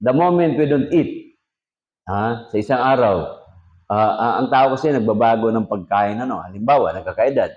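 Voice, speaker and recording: Filipino pastor giving a chatty sermon. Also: male voice, medium pitch, expressive, normal speed, lo-fi sound. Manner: chatty, drops to a soft aside then rises for emphasis. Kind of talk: conversational sermon at a prayer meeting.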